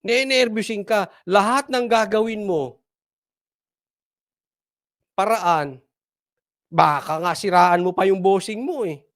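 A man's voice: high voice, slow pace, long pauses, a bit bright. A man hosting casual political commentary, mocking and laughing often and repeating his points for emphasis.

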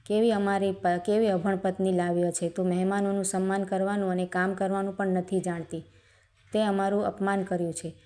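Rude, drunk male party guests in a spoken storybook, sneering at their host's wife, read by a woman in her own voice. The reading stays flat, with a mellow, soft tone. There is no shouting and no change of voice. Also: mid-range voice, fairly quick, lightly acted. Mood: scornful. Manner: insulting, complaining.

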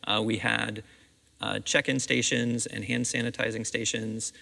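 Speaking unhurriedly in a fairly low, level voice with vocal fry, the middle-aged American man sounds bright and forceful. He's a theatre director seated on an auditorium stage, fielding interview questions in conversation, picked up by a lapel mic in the reverberant empty hall.

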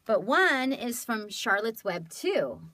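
A California voice actress in her thirties chats animatedly in a casual show-and-tell vlog, showing off keepsakes and laughing often. Her voice is on the high side and slow, with no room sound.

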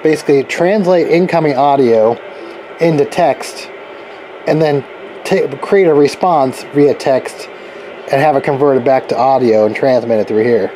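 A medium-pitched American man talks a little slowly while demonstrating his radio setup for a hobby video at an open garage workbench. He rambles informally and sounds unsure as he thinks aloud, with rough camera audio and constant ambient noise.

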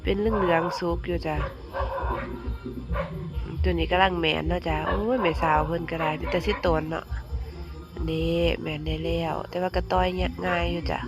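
Isan thai lady narrating a vlog, kinda low creaky voice, folksy and chatty, music behind her. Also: little pitch movement, moderate pace, long pauses. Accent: northeastern Thai (Isan). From northeastern Thailand. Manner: folksy, addresses viewers with frequent soft polite particles.

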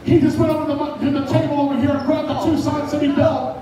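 A man giving live, excitable play-by-play wrestling commentary, raising his voice to a shout at the big moments. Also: extremely high pitch, fast talker, background noise. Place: indoor bar venue with wrestling ring. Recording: echoey venue from far off, loud crowd and music.

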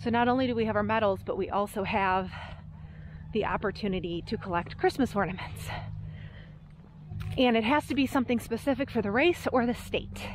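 A woman's voice: fairly high pitch, a little fast, slight background noise. An American woman narrating a casual travel vlog in an upbeat, chatty way. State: out of breath after climbing. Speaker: travel vlogger. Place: outdoors at a battlefield park and in a tower.

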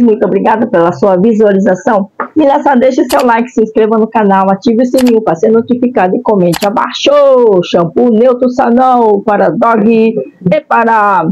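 Middle-aged Brazilian female vlogger, slightly high voice, cutesy anime-streamer delivery for product reviews, dull lo-fi audio. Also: warm tone. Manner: cutesy and playful, with sing-song catchphrases. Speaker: video channel host.

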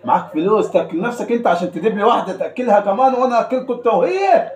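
A man's voice: high-pitched, animated, racing, reverberant, poor audio. A man, chatting with and teasing his small son, scolding playfully and laughing often. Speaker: father.

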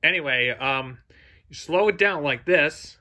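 A man talking through a software tutorial step by step, in a halting, instructional way with fillers and restarts. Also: a little high, expressive. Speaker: video tutorial maker.

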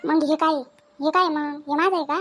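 A middle-aged woman with a very high voice, playing a scolding mother-in-law in a home drama. She fires off demanding questions at a fast clip. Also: fairly even intonation, fairly bright tone. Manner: scolding, demanding, quick-tempered.

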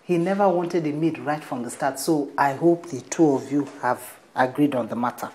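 A woman's voice: low voice, normal speed, warm tone, close to an everyday voice. An actress with a Nigerian accent playing a devout middle-aged mother who lectures her married daughter. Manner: preachy, lecturing. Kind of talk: film acting.

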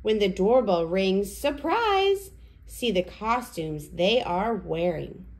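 A sing-song, mid-range voice, a little mellow, unhurried in pace. This thirties-aged woman presents to toddlers and reads picture books aloud, speaking in the simple, exaggerated way adults use with small children as an educational presenter and storyteller.

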